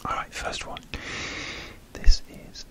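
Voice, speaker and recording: Softly whispering ASMR man. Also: takes it slowly. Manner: rambling, many fillers and restarts; unvoiced whisper throughout. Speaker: ASMR creator.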